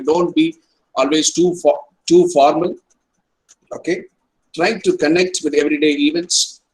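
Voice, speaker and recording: A man's voice: a little high, poor audio. A middle-aged man, an academic counsellor giving an online lecture and tagging his points with "right?" and "okay". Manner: repeats points, tags sentences with "right?" and "okay".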